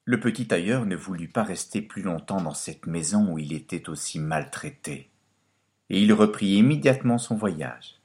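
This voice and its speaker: A man narrating a fairy tale in a scripted, expressive storytelling manner. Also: deep voice, moderate pace. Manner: expressive storytelling, lively and dramatic.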